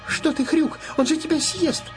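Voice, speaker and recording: A man voicing a polite little male sparrow from a storybook, in a very high voice. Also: moderate pace, soft background music. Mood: worried.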